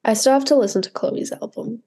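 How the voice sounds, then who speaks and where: A young woman co-hosting a casual podcast chat, laughing often and reacting quickly. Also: fairly high pitch, mellow. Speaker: podcast co-host.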